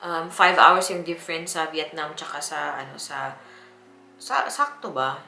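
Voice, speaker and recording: A woman's voice: sits low, measured pace, sharp tone, soft background music. A young woman from the Philippines, telling a personal story to her viewers in a chatty way with frequent laughs. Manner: chatty, laughing often, with many fillers. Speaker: vlogger. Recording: echoey room.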